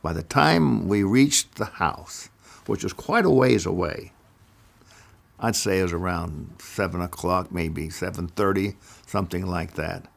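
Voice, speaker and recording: An older man from Idaho, USA gives a personal testimony as slow first-person storytelling. His deep, gravelly voice moves very slowly and deliberately, with careful pauses.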